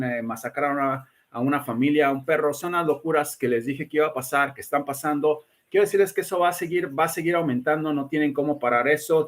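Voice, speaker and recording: A man hosting a casual livestream, talking emphatically, repeating himself and greeting viewers by name. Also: on the high side. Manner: emphatic, repeats words and restarts often. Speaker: livestream host giving predictions.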